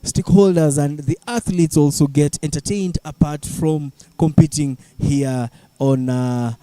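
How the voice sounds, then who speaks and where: Male athletics host, Kenyan accent, fairly high but soft-edged mellow voice, halting live commentary. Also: steady tone, no room sound. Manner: halting, filler-heavy delivery. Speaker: sports event commentator and host.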